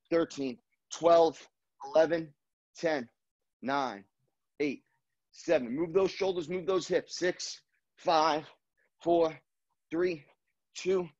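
A man in his thirties coaching a kickboxing class, calling out boxing combos and counts in short clipped commands with encouragement. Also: fairly high pitch. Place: apartment living room, indoors. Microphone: video call, standing back from laptop. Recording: dull lo-fi video-call audio.

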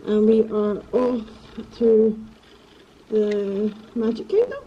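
A woman's voice: mid-range voice, fairly even intonation, slow pace. A young Scottish woman chatting casually to camera in a vlog, gushing and full of fillers. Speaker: travel vlogger. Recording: dull lo-fi sound with clear background noise.

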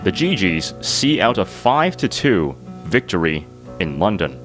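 A man narrating a sports feature in a measured, composed scripted voice-over. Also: low-pitched, sing-song, fairly bright tone. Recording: voice-over with guitar music behind.

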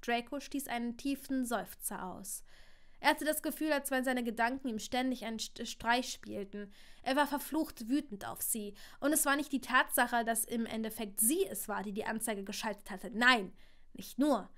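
A woman reading a story aloud on a livestream, expressive, with frequent small slips and corrections. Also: on the high side, moderate pace. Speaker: channel host reading aloud.

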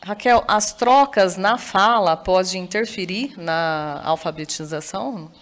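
A woman's voice: mid-range voice, unhurried. Enthusiastic Brazilian woman TV host. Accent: Brazilian Portuguese. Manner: enthusiastic, frequent affirming interjections. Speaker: TV interview host. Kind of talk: TV studio interview.

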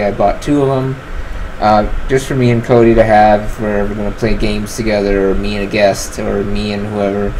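A relaxed twenty-year-old man narrates his game for his gaming channel, meandering with plenty of fillers while choosing what to craft. His voice runs on the low side, and the low-quality recording has a bit of hiss or hum.

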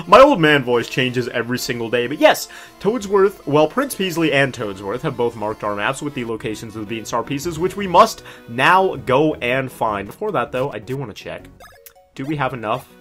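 Young male gaming host, animated intonation, informal rambling commentary, light game music underneath. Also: mid-range voice, normal speed.

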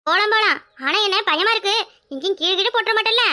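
A woman voicing a young, pregnant village wife in a cartoon who is tender and teasing, speaking with a southern Tamil accent in a high, sing-song way. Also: fast, bright, forceful tone, full character voice. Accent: southern Tamil (Tirunelveli). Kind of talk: cartoon voice acting.

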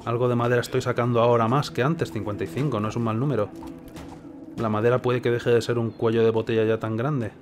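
This gaming video host talks fast in a medium-pitched, steady voice. He is from Spain and speaks with a Castilian accent, giving easygoing commentary while musing and asking himself questions.

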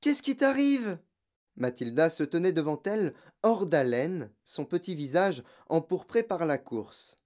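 An audiobook narrator reading a children's novel in an expressive storytelling manner. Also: medium pitch, a little slow, few pauses.

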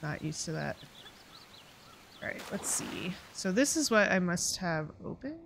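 A woman's voice: fairly low pitch, big pitch swings, unhurried, vocal fry, background noise. A woman streamer chatting casually and rambling with lots of fillers while playing a game. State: hiccups. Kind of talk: casual gameplay commentary.

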